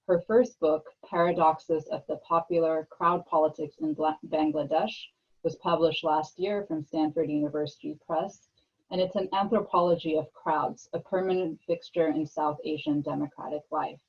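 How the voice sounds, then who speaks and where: A host with a fry-laden, rough-edged voice introduces panelists in a formal, read-aloud way, with small stumbles here and there. The sound is a slightly muffled video-call feed. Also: medium pitch, darkish tone. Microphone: video call microphone.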